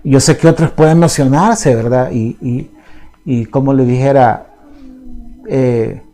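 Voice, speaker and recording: A pastor preaches in a soft, conversational tone. His voice is mellow and dark at a middle pitch. He keeps checking in with his listeners and restarts phrases as he hunts for words. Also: a little slow, faint music behind, low-quality recording. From El Salvador. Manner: soft-spoken, conversational, often asks "¿verdad?"; restarts and repeats words as he searches for them. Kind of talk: sermon.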